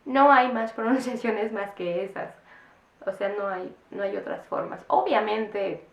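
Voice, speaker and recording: A woman's voice: medium pitch, steady tone, unhurried, echoey room. A woman, an English teacher who explains to parents in a patient way and repeats words to model English sounds.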